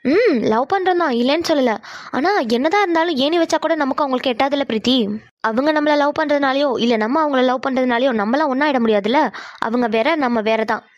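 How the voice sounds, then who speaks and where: A woman's voice: high voice, quick pace, no echo, muffled recording, lightly acted. A woman voicing a stubborn, proud young woman. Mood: bitter. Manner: defiant, argumentative. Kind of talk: cartoon voice acting.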